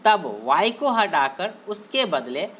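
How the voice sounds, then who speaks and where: A man teaches a grammar lesson to his students, whom he addresses fondly. He repeats each rule again and again, asks a question and then answers it himself. He draws the key words out slowly, with a faint background noise. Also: high-pitched, sing-song, a bit bright. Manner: drawls out key words slowly to stress them. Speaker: online English teacher. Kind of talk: explaining a grammar lesson over on-screen slides.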